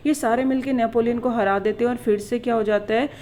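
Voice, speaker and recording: A woman teacher going through exam questions with students, reading English questions slowly and explaining them in Hindi mixed with English. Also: fairly high pitch, steady tone, a little mellow, slight background noise, low-quality recording. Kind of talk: exam revision lesson.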